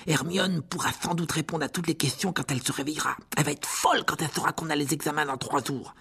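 A glum teenage boy from an audiobook reading, voiced by the male narrator. The voice stays close to the narrator's own, quiet and gloomy. A husky edge runs through it. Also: on the high side, steady tone, fast, pitched above the performer's own voice, full character voice. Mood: relieved.

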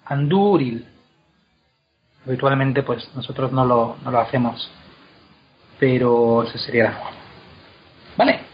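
A man explaining pronunciation in a casual, animated way, drawing words out slowly to demonstrate them. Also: medium pitch, breathy edge, soft background music. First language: Spanish. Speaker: guest explaining Elvish pronunciation. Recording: dull lo-fi podcast recording.

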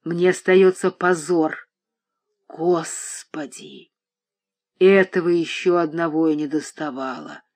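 Reader doing an old grey-haired dad in an audiobook, raging and groaning, slow heavy delivery. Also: mid-range voice, steady tone, lightly acted. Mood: enraged. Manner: outbursts of shouting and moaning. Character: grey-haired old father, furious and grieving. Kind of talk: audiobook reading.

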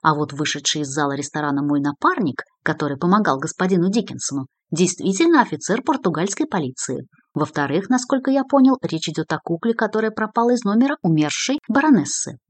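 A woman's voice: lowish voice, expressive, fast, hardly any pauses, dry recording. A woman reading the lines of a composed male private investigator with a dry, ironic manner. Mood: calm.

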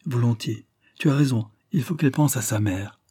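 A man voicing a gentle, candid middle-aged wife in a storybook reading, speaking calmly and tenderly. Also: mid-range voice, normal speed, slightly rough, no room sound, clean studio sound, lightly acted. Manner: calm, candid, softly tender.

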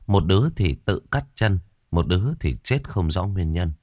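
A man narrating a ghost story with a dramatic, expressive reading. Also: sits low, normal speed, no echo, clean studio sound.

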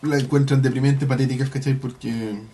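A man's voice: mid-range voice, level tone, fairly quick, mellow. A man with a Chilean accent hosting a podcast, recapping an episode in a rambling, slangy casual chat. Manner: slangy, rambling, full of colloquial swearing. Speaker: podcast host.

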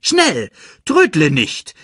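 A sly, cryptic old male baboon, as a male narrator puts him on, drawing his words out slowly. The voice is husky and dry, a little above the narrator's own. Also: mid-range voice, sing-song, a little mellow, no room sound, full character voice. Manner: slow, drawn-out prompting.

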